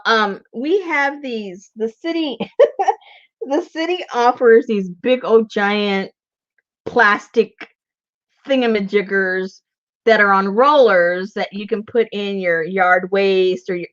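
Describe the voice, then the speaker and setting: A woman's voice: mid-range voice, takes it slowly, fairly bright tone. A woman hosting a casual crafting video, chatting while she works and laughing often as she tells stories. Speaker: junk journal crafter and channel host. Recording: slightly dull lo-fi recording.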